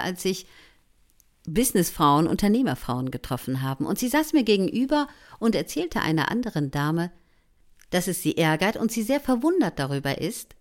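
This voice coach, whose voice falls on the low side, leads a training lesson aimed directly at the listener. She keeps an encouraging tone and occasionally lowers into soft asides.

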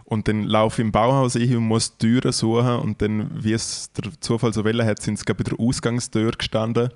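A man's voice: lowish voice, level tone, fairly quick, a little mellow. A man in his thirties with a Swiss German accent, telling a rambling anecdote in casual chat and acting out the dialogue. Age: 30s.

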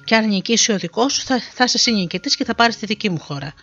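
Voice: mid-range voice, lively intonation, fairly bright tone. A storyteller voicing a proud, scheming king who sets a wager, on a dull lo-fi recording with faint music behind. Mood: bargaining. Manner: proud, bargaining. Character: scheming rival king, prince's father.

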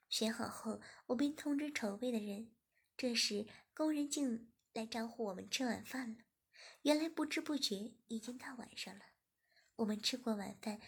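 A woman narrates a story in a steady, even reading voice. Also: on the high side, creaky, breathy edge. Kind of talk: scripted narration.

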